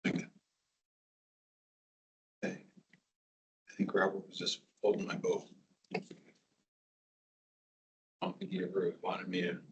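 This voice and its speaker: A middle-aged man chatting casually, relaxed, often trailing off. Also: sits low, takes it slowly, long pauses, rough recording. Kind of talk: casual chat.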